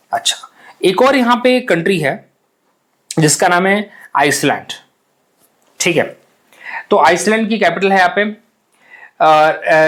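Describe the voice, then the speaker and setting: A young man talks through a map lesson for exam students in a relaxed, chatty way. He repeats himself, asks his listeners questions and drops English words into his talk. His voice sits a little high for a man. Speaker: exam coaching teacher.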